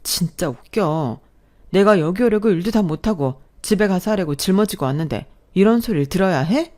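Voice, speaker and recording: A woman's voice: lowish voice, lively intonation, normal speed, mellow, lightly acted. A woman voicing an indignant young bride-to-be. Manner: indignant, protesting.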